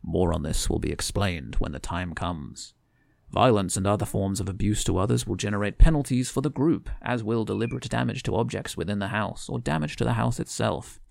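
A cold, unseen game-show organiser greets his captive contestants in a slow, deliberate announcement, as a man reads him out. The voice sits low and gravelly, and the sound is close and dry. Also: no echo. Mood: menacing.

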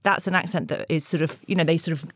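A woman's voice: low voice, fairly even intonation, fast talker, dry recording, studio quality. A woman on an editors' panel of a news podcast, thinking aloud and hedging as she talks.

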